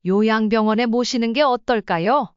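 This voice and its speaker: A woman's voice: on the high side, moderate pace, smooth, dry recording, close to an everyday voice. A woman reading as an exasperated daughter-in-law. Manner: sighing, exasperated. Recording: slightly dull lo-fi sound.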